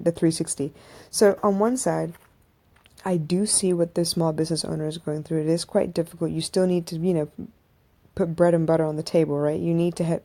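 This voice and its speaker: A podcast host in her thirties talks to listeners over a live audio stream from a phone. Her fairly low, mellow voice carries a casual, reflective, conversational monologue with restarts and asides.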